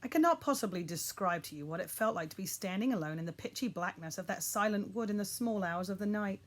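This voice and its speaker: A woman reading a children's novel aloud, with expressive, suspenseful storytelling. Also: medium pitch, fast. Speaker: audiobook reader.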